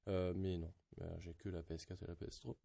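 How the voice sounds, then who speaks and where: Male gaming vlogger, low mellow voice, loose rambling delivery. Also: level tone, fairly quick, creaky, slight background noise. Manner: rambling, many fillers and restarts. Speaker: gaming YouTuber. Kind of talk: casual gaming commentary.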